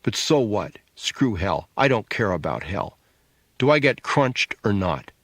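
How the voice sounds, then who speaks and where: A man voicing a sharp-tongued, sarcastic adult sister, needling and scornful, in an audiobook. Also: fairly low pitch, big pitch swings, a little slow, no room sound, studio quality, full character voice.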